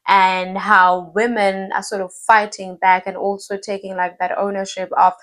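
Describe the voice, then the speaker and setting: A woman talks through her favorite books of the year in a relaxed vlog. Her delivery is animated and emphatic, and she repeats words to stress a point. Her pitch sits in an ordinary middle range. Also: moderate pace. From South Africa. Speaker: book vlogger. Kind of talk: casual book review.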